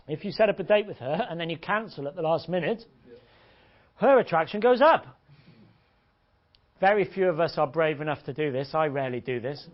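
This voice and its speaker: A man gives a blunt, joking seminar talk as a dating coach. His voice sits a bit high for a man. The recording is dull and lo-fi. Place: seminar room. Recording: dull lo-fi audio.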